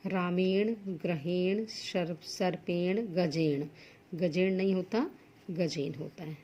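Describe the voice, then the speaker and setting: A woman's voice: fairly low pitch, slow pace, warm tone, slight background noise. A woman teaching Sanskrit to school students, working through textbook exercises. She reads each Sanskrit word and then explains it plainly in Hindi.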